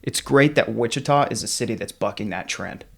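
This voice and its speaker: A man's voice: lowish voice, fairly quick, gravelly, a bit bright. Direct, opinionated male podcast host. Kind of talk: podcast interview.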